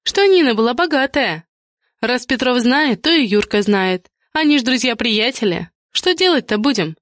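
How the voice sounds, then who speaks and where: A squealing, gossipy middle-aged woman, put on by a female narrator nags at high pitch in quick chatter. The sound is dry and close, as in a read storybook. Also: lively intonation, fairly bright tone, no echo. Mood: conspiratorial. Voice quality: shrill, squealing. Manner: rapid nagging chatter.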